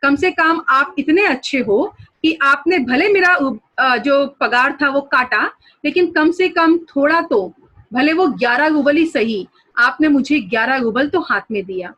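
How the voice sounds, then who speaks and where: A woman voicing a meek young female servant who speaks softly and fearfully. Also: high-pitched, animated, a little slow, lo-fi sound. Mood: pleading. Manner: soft, trembling, submissive.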